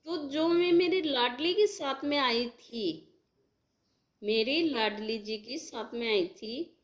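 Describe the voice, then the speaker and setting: A woman's voice: sits high, slow. A woman earnestly retelling a devotional dream to her followers in a rambling, heartfelt, casual way. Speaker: devotional storyteller.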